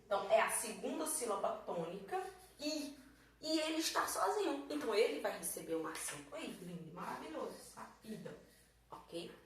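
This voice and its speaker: A woman's voice: a little high, big pitch swings, normal speed. Teacher lady, patient, keeps checking in, echoey room, mic kinda far. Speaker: Portuguese teacher. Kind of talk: recorded classroom lesson. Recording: echoey room, mic at a distance, faint background noise.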